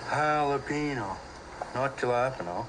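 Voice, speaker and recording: A man's voice: fairly high pitch, brisk, noisy background, pitched above the performer's own voice, lightly acted. A man putting on the voice of an exasperated man who scoffs at a mispronunciation, mocking and incredulous.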